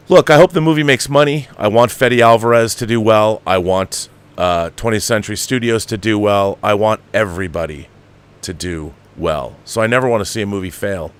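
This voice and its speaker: Speaking in a lowish voice with a fairly bright edge, a male show host launches into off-the-cuff film commentary, exasperated and profane, emphatically repeating phrases for effect.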